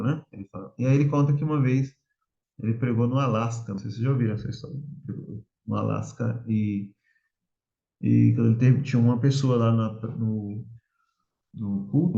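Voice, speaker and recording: Guy teaching bible class, chatty, keeps asking right?, dark mellow voice, echoey muffled room. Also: mid-range voice, vocal fry. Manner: conversational, tags sentences with questions. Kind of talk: informal church class teaching. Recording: roomy, slightly dull sound.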